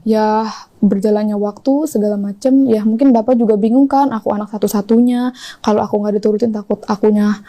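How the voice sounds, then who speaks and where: A woman's voice: mid-range voice, fairly even intonation, warm tone. A young woman, retelling a personal story as an interview guest, with lots of quoted dialogue. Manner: rapid, breathless retelling full of quoted dialogue. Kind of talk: confessional storytelling.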